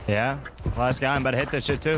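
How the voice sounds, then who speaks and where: A young man giving excited, incredulous gameplay commentary and banter. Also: mid-range voice, quick pace. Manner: exclamatory, incredulous reactions. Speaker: gamer. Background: music, game gunfire.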